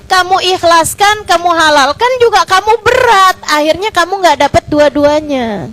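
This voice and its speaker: Seorang ustazah perempuan bersuara tinggi menyampaikan ceramah agama dengan santai. Ia banyak bertanya retoris kepada pendengar dan memakai kata pengisi sehari-hari. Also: female voice, very high voice, moderate pace, noisy background. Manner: chatty, asks rhetorical questions; lively with colloquial fillers. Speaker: Islamic religious teacher (ustazah). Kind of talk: casual religious lecture.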